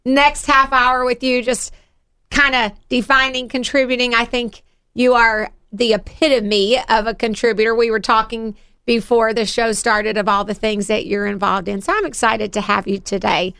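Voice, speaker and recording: A woman's voice: fairly high pitch, fairly even intonation, moderate pace, vocal fry, bright, forceful tone, clean tone. A woman with a Southern Alabama accent hosting an upbeat motivational interview show on the radio.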